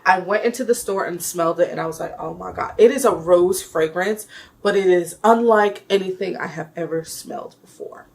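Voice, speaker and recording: A woman's voice: lowish voice, moderate pace, vocal fry, a little mellow, low-quality recording. A young woman reviewing perfumes in casual chat to camera, emphatic and chatty, calling her viewers y'all and laughing often. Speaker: beauty vlogger reviewing perfumes.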